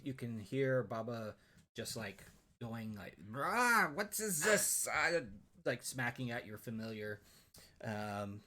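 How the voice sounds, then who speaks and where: Male game master, low voice, casual rambling narration, faint hiss. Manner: loose, filler-heavy narration.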